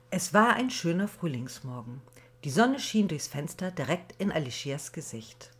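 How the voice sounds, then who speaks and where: Female author reading her book aloud; low, husky, steady storyteller. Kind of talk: audiobook reading.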